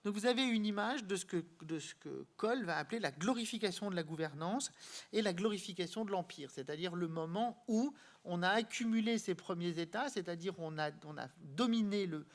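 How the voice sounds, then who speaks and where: A high-voiced man delivers a live art history lecture, speaking directly to his audience. He halts and searches for words, repeating himself often.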